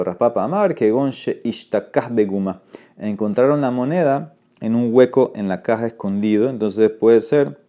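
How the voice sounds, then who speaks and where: A man teaching a Talmud lesson with a mellow, dark voice. He reads the text aloud and breaks it down step by step, stopping for fillers and correcting himself as he goes. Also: lowish voice. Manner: reads Aramaic then explains, with fillers and self-corrections. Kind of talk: explaining a Talmud page in Spanish.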